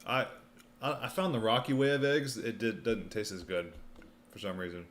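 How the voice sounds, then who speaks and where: A low-pitched man hosts a casual livestream, talking in a loose, slangy way as he eats, sometimes with his mouth full. There is some background noise around his voice. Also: fairly even intonation, normal speed. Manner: talks while eating, mouth sometimes full; laid-back slangy delivery, often saying "man" and "you know". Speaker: livestream host answering viewer questions.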